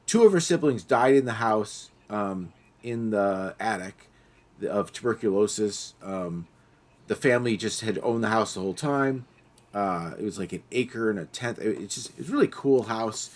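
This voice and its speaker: At a moderate pace and fairly low pitch, a middle-aged man tells stories on his podcast in an easygoing, conversational style. He animates each tale by acting out the quoted voices.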